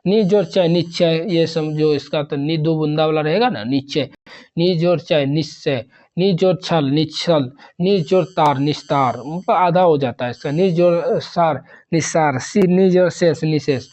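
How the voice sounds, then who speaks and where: A man's voice: a little high, measured pace, a little mellow. A man teaching an exam revision grammar lesson, rattling off examples one after another and repeating terms.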